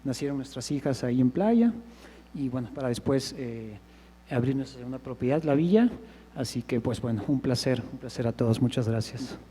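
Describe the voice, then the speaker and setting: A man's voice: mid-range voice, lively intonation, moderate pace, warm tone, a little hiss or hum, poor audio. A man from Peru introducing himself as a hotelier on a conference panel, hesitant with many fillers.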